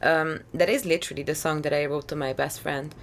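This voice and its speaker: A young woman from Hungary, a singer-songwriter guest talking casually in an interview, chatty and relaxed, full of "you know" fillers. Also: sits low, fairly quick.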